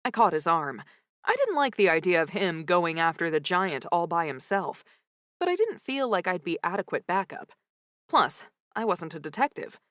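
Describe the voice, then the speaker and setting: Woman reading a cozy mystery audiobook, bouncy pitch, dry close mic, wry. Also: normal speed, dry recording. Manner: lively, wry storytelling. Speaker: audiobook narrator. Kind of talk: first-person comic mystery narration.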